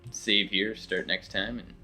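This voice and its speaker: A man's voice: lowish voice, steady tone, measured pace, sharp tone, soft background music. A young man rambling through casual let's-play commentary, swearing when frustrated, his voice getting worn from talking. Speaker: gaming video host.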